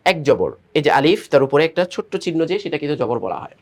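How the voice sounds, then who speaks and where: A man's voice: a little high, sing-song, fast talker. A man teaching Quran reading step by step, who explains patiently, asks his own questions and answers them, and chants letter drills in a firm rhythm. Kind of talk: step-by-step recitation lesson.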